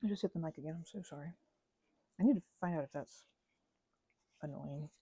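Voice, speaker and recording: Deep, creaky, and mellow, a woman host drifts through a casual ASMR craft chat, running herself down and often leaving thoughts unfinished. She talks a little fast, and the recording is dry.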